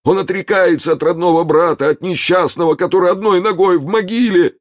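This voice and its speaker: Man playing a faking street boy, squealing high and loud. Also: fairly quick, dry recording, clean studio sound, lightly acted. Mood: wailing. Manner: shrill, pleading, theatrical. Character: beggar boy faking a fit, shrill and wailing.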